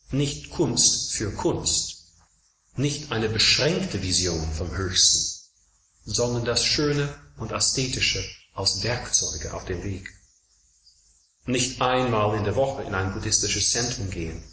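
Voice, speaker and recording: A man's voice: fairly low pitch, a bit bright. A man giving a Buddhist dharma talk as a teacher, counting off his points and hammering home contrasts through repetition. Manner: emphatic, rhetorical repetition of contrasts. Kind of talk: lecture-style dharma talk. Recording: roomy echo, faint background noise.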